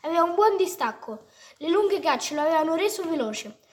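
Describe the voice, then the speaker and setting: A woman's voice: very high-pitched, big pitch swings, brisk. A woman reading a story aloud, stumbling and restarting at times. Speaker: reader.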